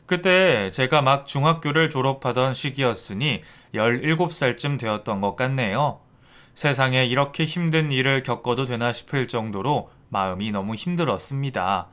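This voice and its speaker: Calm reflective male storyteller. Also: medium pitch. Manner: calm, reflective confessional narration. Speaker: narrator. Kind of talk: first-person storytelling narration.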